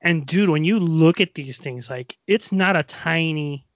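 A man with a nasal, somewhat high voice rambles casually through a podcast story, full of fillers. The sound is dry and a little dull. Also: measured pace, no echo. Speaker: podcast co-host. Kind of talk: casual chat. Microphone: XLR microphone.

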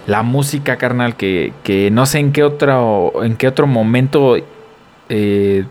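A man's voice: medium pitch, measured pace, a little mellow, slight background noise. A Mexican man in his twenties chatting casually on a podcast like a laid-back bro, in slangy, crude talk. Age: 20s. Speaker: podcast co-host.

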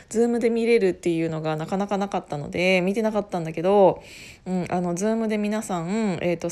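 A woman talks casually on her own in a medium-pitched voice with a hoarse, husky edge. She rambles along, cutting into her own sentences and circling back as she goes. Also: a little mellow. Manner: rambling, self-interrupting, often laughing at herself. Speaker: podcast host making an announcement. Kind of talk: casual solo chat.

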